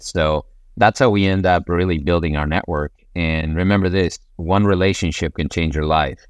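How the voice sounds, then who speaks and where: A man from Ecuador speaks in an earnest, motivational tone. His low voice is smooth and resonant. The recording is close and dry, with no room echo. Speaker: podcast guest, real estate investor. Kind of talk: motivational interview talk.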